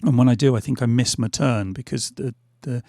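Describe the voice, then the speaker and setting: His voice gravelly and fraying as he keeps losing it, a middle-aged man gives casual commentary over his gameplay on his gaming channel, hesitant and full of fillers. He talks a little fast with a medium pitch and dark tone. Headphones and a desk mic capture it dry, close, with no echo or room.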